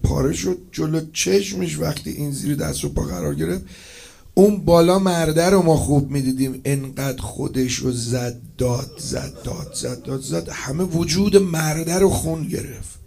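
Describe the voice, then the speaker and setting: A man giving an emotional religious mourning sermon to poets and eulogists. He swings from low murmurs to loud, impassioned cries and stretches his phrases for emphasis. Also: steady tone, vocal fry, soft background music. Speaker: preacher addressing poets and eulogists.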